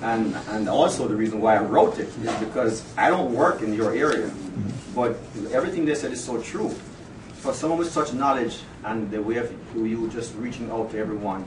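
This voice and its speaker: A man speaks at an indoor office farewell party, chatty and informal, repeating himself here and there. He stands well back from the microphone in a roomy space. Steady background noise runs under his voice. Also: mid-range voice, far from the mic. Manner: chatty, laughs between phrases, repeats words. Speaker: colleague giving a farewell speech. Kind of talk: informal farewell speech, partly read aloud.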